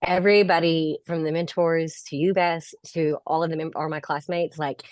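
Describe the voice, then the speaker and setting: Low-voiced woman, emotional graduation speech. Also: steady tone, normal speed, darkish tone, dry recording. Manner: earnest, fighting back tears, rambling. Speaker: graduating health coach student. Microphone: phone on a video call.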